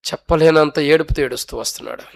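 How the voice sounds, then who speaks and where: A man preaching a sermon, telling a story dramatically and acting out its people, swinging from loud cries to hushed tones. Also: on the high side, fairly even intonation, fast, gravelly. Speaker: pastor.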